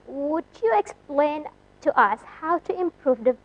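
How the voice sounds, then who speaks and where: A woman's voice: high voice, animated, a little slow, highs cut off. A woman moderating a conference session, polite and using frequent uh fillers as she introduces questions.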